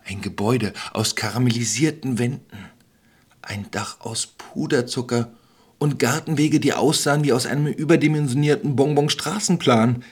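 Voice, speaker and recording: A man's voice: mid-range voice, moderate pace, slightly rough. A man narrating a playful, wry fairy-tale parody in scripted storybook style.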